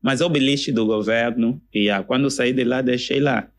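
A young comedian with an Angolan Portuguese accent chats as a guest on a casual podcast at a moderate pace. He tells his stories animatedly and jumps into high voices when quoting people.

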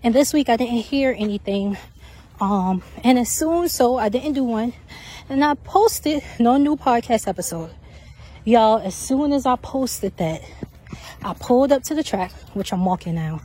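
A woman's voice: a little high, expressive, measured pace, warm tone. A woman podcast host, out of breath from walking outdoors on a track, giving casual, repetitive faith encouragement. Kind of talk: faith-based encouragement talk.

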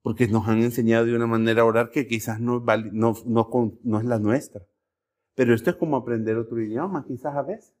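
A male pastor preaching a sermon in a conversational way, often checking in with the congregation and telling lively stories. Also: medium pitch, quick pace. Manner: conversational, keeps asking the congregation "¿verdad?"; animated storytelling with acted-out voices and jokes.

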